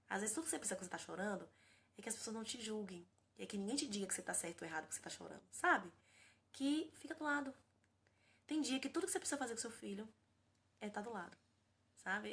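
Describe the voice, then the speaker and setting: A woman in her thirties from Brazil, a parenting educator chatting casually on a phone live stream and answering viewers by name. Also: mid-range voice. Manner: warm, earnest, addresses viewers by name and as "gente".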